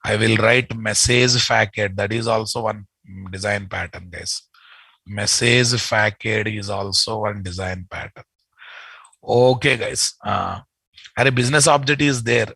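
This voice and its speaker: A man's voice: lowish voice, fairly even intonation, measured pace, vocal fry, sharp tone, slightly rough, dry recording. A middle-aged man with an Indian Telugu accent, teaching an informal live online lesson as an instructor, repeating his phrases and addressing learners familiarly. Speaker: software instructor. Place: indoor room, video call.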